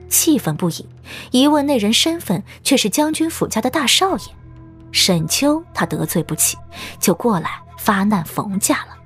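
A woman narrator reading a scripted story for an audiobook. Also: medium pitch. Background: background music.

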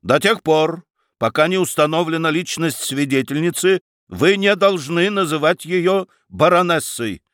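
A sly baron who argues with cheerful irony and cool logic, as a male narrator plays him. The voice stays close to the reader's own but moves with lively pitch. The recording is dry and close. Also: a little slow, dry recording. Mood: ironic. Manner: cheerful and ironic, calmly logical. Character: Baron Munchausen, sly, witty defendant. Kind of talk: dramatic reading of a story.

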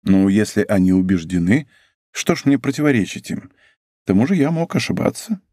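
A man voicing a calm, ironic aristocratic musketeer who answers an interrogation coolly. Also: fairly low pitch, moderate pace, dry recording, clean studio sound, voice pushed down. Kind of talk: audiobook character voice.

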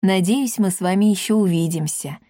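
A woman voicing a calm, kindly old grandfather in a storybook reading, close to her own voice. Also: medium pitch, a little fast, dry recording, lightly acted.

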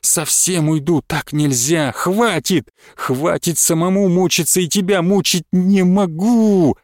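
A man's voice: high voice, takes it slowly, darkish tone, dry recording, clean studio sound. A man playing an anguished soldier husband. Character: guilt-stricken young soldier husband, anguished.

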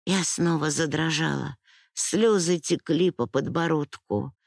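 A woman narrates a first-person audiobook with slow, intimate emotion. Her voice sits a little low, and the recording is dry and close with no room sound. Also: gravelly, dry recording. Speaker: audiobook reader.

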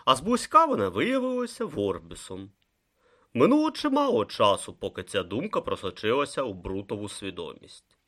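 An audiobook narrator reading with dramatic, expressive delivery. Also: mid-range voice, normal speed.

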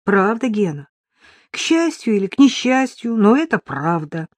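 A woman's voice: mid-range voice, very animated, moderate pace, no echo, voice pushed up. A young woman fighting back tears, her voice rising and falling with emotion, as a woman reader plays her. Read dry and close to the mic for an audiobook. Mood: tearful. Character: tearful young woman leaving her husband.

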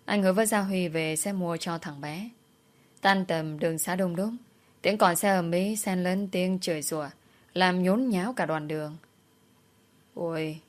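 A woman narrating a dramatic family story in a steady storytelling manner. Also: fairly low pitch.

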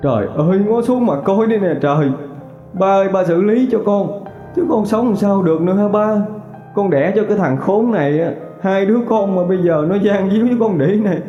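A man voicing a furious betrayed wife who curses shrilly and fast, in a storybook reading. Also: darkish tone, natural voice. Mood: hysterical. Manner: shrill, cursing, rapid. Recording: roomy, dull recording with faint music.

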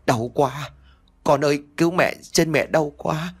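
A man's voice: on the high side, measured pace, breathy edge. Man doing a frail, pleading old mother-in-law. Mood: pained. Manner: pleading, moaning.

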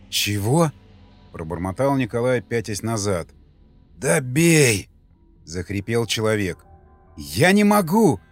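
A man narrating a dramatic audiobook in a tense, vivid reading that rises for loud quoted lines. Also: medium pitch.

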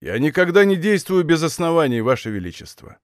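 A man voicing a calm, defiant veteran musketeer captain in an audiobook, speaking low and restrained. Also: brisk, no echo, clean studio sound. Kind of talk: audiobook character voice.

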